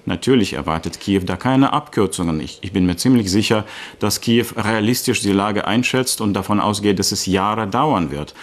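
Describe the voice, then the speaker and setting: Low-voiced man from Ukraine, earnest. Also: normal speed. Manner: earnest, fluent with frequent hesitations. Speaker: guest politician. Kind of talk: political talk show interview.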